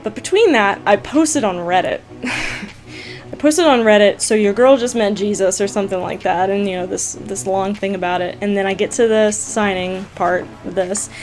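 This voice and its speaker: A young woman gaming vlogger, telling a story casually to camera, chatty and excitable, full of "like" and "you guys". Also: mid-range voice, moderate pace. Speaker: gaming YouTuber answering viewer questions.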